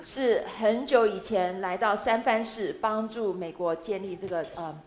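A woman interpreting a sermon phrase by phrase, speaking in quick chunks with frequent filler sounds. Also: mid-range voice, darkish tone. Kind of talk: consecutive interpreting at a church talk.

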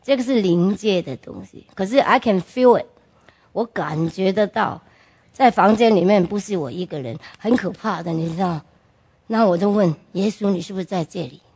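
A woman with a husky, darkish, medium-pitched voice speaks at a normal pace, sharing her personal testimony with a church congregation. She's earnest and emphatic, often putting questions straight to the listeners and slipping in English words.

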